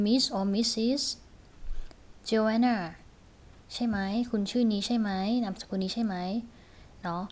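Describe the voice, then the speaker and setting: A woman teaching a lesson, explaining in a chatty way and modeling short phrases slowly and clearly. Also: mid-range voice. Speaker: English teacher for pharmacists.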